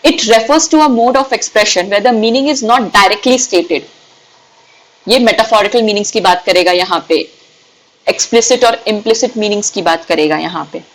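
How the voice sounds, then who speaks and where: A young adult woman with an Indian accent teaching an exam-prep lecture, explaining step by step and reading definitions out slowly. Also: medium pitch, poor audio. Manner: explains step by step, switching between Hindi and English, reads definitions slowly.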